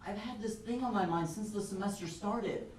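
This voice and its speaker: A woman's voice: medium pitch, moderate pace, darkish tone, slight background noise, lightly acted. A woman playing an eager, naive would-be beatnik in a campy B-movie parody, hesitant and earnest. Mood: nervous, earnest. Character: eager, naive, square lab partner aspiring to be a beatnik. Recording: echoey, distant, music behind.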